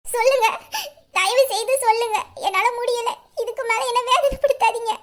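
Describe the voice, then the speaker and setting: A woman's voice: very high voice, fairly even intonation, a little fast. A woman acting a young woman about to marry, pleading through sobs in an audio drama. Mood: tearful pleading. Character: young woman, earnest, torn and tearful bride-to-be.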